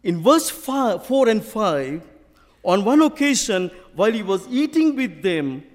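A visiting preacher with a Sri Lankan accent delivers a sermon to a congregation in a large church hall, mixing storytelling with scripture reading. His high-pitched voice swings widely as he speaks emphatically and deliberately, and the church PA adds hall reverb.

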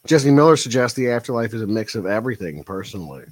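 A man's voice: fairly low pitch, dry recording. A man hosting a live stream, reading out viewer comments and musing on them in a thoughtful, casual way. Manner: thoughtful, reflective, with frequent fillers. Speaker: livestream host.

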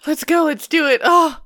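A woman's voice: high-pitched, bright, forceful tone, no room sound, studio quality. A woman hosting a gaming podcast with playful, theatrical emphasis in her announcements and banter. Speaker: podcast host and player. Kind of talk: upbeat podcast announcements and recap.

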